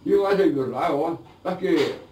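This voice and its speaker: A man's voice: fairly high pitch, normal speed, mellow. A man in a casual chat who stops, restarts and repeats his words, chuckling now and then. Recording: echoey room, far from mic, background noise.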